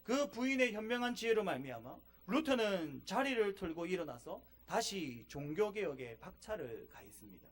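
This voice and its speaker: A man preaching from the pulpit in a strikingly high voice. His pitch swings widely as he presses rhetorical questions on the congregation. He builds each point to an emphatic peak. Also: very animated, moderate pace, few pauses. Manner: emphatic, rising to stress key lines. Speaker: pastor. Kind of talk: sermon.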